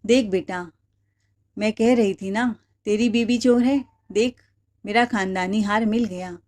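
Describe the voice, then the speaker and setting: A woman's voice: medium pitch, unhurried, darkish tone, close to an everyday voice. Old mother-in-law, accusing and insistent, read by a woman narrator. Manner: complaining, insistent.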